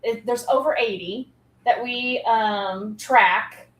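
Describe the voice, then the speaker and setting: A woman's voice: a little high, slow, fairly bright tone. A woman guest on a podcast, explaining school nursing work in an upbeat way with many fillers. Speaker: school health program guest. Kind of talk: casual interview chat. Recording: echoey room.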